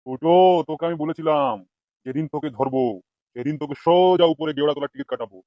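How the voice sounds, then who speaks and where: A man's voice: fairly high pitch, steady tone, dull audio, soft background music. Man voicing a vengeful, menacing cartoon politician. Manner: threatening, rapid. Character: vengeful male politician, ruthless captor. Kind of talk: comic cartoon dub.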